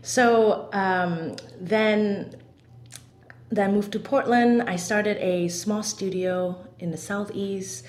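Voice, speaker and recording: A woman from Hong Kong, a singer and composer, talking as a guest in an interview with quick bursts and restarts. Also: mid-range voice, fairly even intonation, a little mellow. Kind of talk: interview conversation. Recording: roomy echo.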